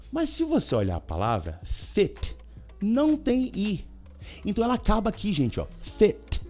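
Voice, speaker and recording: Lively man teaching English. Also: medium pitch. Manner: lively, drills pronunciation aloud, chatty asides. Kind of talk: energetic video lesson.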